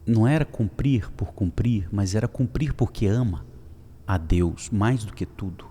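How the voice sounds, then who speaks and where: A man giving a daily devotional sermon, emphatic and swinging from loud calls to soft whispers. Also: lowish voice, a little slow, breathy edge. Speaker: preacher.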